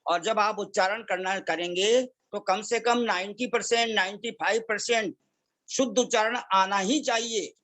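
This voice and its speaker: Male teacher, high voice, slow measured verse chanting, careful about vowel lengths, drops in English phrases. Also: fairly even intonation, fairly bright tone. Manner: mixes English phrases into Hindi. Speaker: scripture recitation teacher. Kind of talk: religious class with chanted verses.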